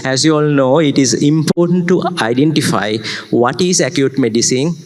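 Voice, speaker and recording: Guy chairing a medical conference, lots of uh, echoey big hall. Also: mid-range voice. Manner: halting, many uh fillers. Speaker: session chair introducing the speaker. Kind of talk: formal conference introduction. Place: large lecture hall. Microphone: podium microphone. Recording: long reverb of a conference hall.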